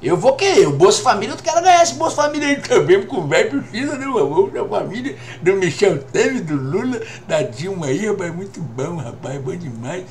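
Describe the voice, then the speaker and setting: High-voiced, chatty Brazilian man in his 50s. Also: big pitch swings, brisk, few pauses, darkish tone, slight background noise. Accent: Brazilian Portuguese. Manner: chatty and jokey, keeps repeating "rapaz". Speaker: game streamer. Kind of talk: live gameplay stream chat.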